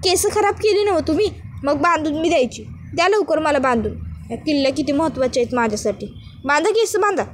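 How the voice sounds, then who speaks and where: A woman's voice: high voice, expressive, fast, slight background noise. A woman voicing an outspoken young village wife who pleads and insists in rustic village speech. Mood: pleading, insistent.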